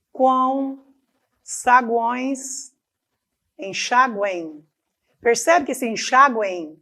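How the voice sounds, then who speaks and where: Slow, deliberate Brazilian woman teacher. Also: high voice. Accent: Amazonas Brazilian Portuguese. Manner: slow and deliberate, stretching example words, checking in with "tá bom?". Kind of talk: recorded classroom lesson.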